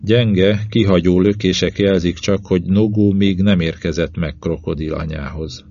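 An audiobook narrator with a very deep voice reads a novel in the first person, keeping a measured, even pace in short phrases. The recording is dull, lo-fi, and dry.

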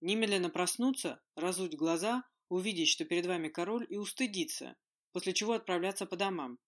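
A man's voice: sits high, animated, fairly quick, a bit bright. A reader voicing a stern, scolding king. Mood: angry. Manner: commanding, scolding. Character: stern irritated adult male king.

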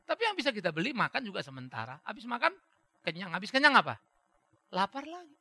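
A male pastor preaching a sermon, lively and theatrical, acting out quoted dialogue and rising into shouts. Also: high voice, fast, no room sound.

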